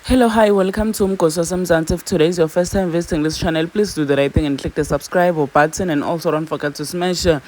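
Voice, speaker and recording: A man with a South African accent hosting a channel, giving casual commentary in a hesitant, halting way. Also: on the high side, fairly even intonation, darkish tone. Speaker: YouTube channel host. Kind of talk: casual vlog commentary mixing English and Zulu.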